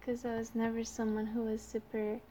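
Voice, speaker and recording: Soft-toned young woman, Quebec French accent. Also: on the high side, monotone, moderate pace, slight background noise. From Canada. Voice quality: youthful-sounding voice. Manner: shy, hesitant, giggly. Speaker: amateur audio creator. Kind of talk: casual chat to listeners.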